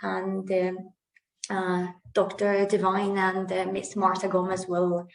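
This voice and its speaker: Woman seminar host, halting delivery, gravelly, roomy distant mic. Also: mid-range voice, completely flat delivery. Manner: halting, many fillers. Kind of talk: webinar introduction. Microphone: video call.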